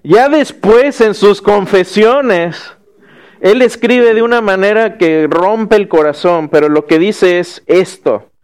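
A male teacher with a high, smooth voice tells a story to his class. He speaks slowly and acts out the quotes. He adds a bit of folksy humor.

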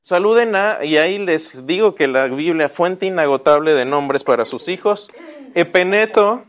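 A man leads a Bible lesson in a high voice. He talks casually, asks the class questions and often answers them himself. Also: moderate pace. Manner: casual, with restarts and asides.

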